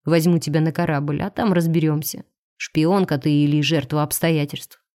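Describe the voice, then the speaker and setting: A woman's voice: deep voice, level tone, normal speed, mellow, pitched below the performer's own voice. A woman reading an audiobook, voicing a cold, commanding male alien starship captain. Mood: stern.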